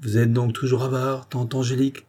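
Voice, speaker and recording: A man's voice: mid-range voice, flat delivery, a little fast, mellow, pitched above the performer's own voice, natural voice. A man voicing a jovial country priest with a teasing, bantering manner. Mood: mocking.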